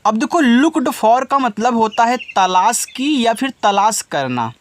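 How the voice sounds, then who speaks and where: Speaking slowly in a very high, animated voice, a man teaches a casual spoken English lesson. He is a patient teacher who repeats each step and often puts questions directly to his listeners.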